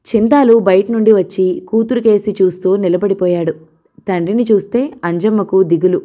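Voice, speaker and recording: Woman storyteller, warm mellow tone, steady narration. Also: medium pitch, a little fast.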